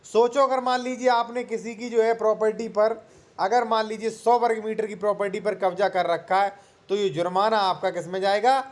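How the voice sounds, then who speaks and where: A man hosting a legal advice channel, explaining a court order in a conversational way, reading figures from the document and often pausing to check in with listeners. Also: high voice, fairly even intonation. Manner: conversational, repeats "theek hai" to check in with listeners; explains slowly, reads figures from a document and restates them. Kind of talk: casual explainer to camera.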